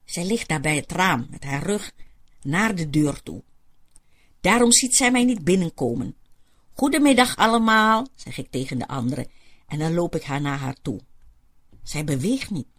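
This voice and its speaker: A woman's voice: deep voice, expressive, moderate pace, slightly rough. A woman telling a first-person story in a chatty, homely way.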